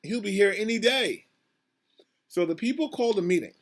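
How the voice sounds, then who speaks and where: A school principal reads a picture book aloud to children in a high-pitched, animated voice at a moderate pace. He adds asides, speaks to the kids directly, asks them questions, and repeats himself.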